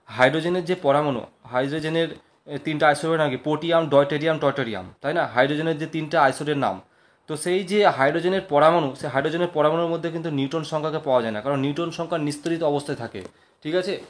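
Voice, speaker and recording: Bengali tutor drilling quiz answers. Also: male voice, a little high, racing. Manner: repetitive, drills points, self-correcting, addresses listeners as sir. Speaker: exam coaching teacher. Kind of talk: informal recorded lesson.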